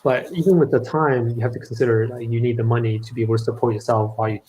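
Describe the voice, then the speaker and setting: Speaking very fast with fairly even intonation, this mellow, medium-pitched man is an LA-born startup founder from California guesting on a casual live online event. He explains with frequent ums; the recording is rough, with slight background noise.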